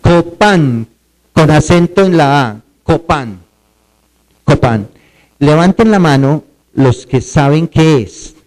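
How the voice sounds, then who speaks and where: A man's voice: a little high, animated, a little mellow, poor audio. Man lecturing a seminar. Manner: quizzes the audience, spells words out slowly.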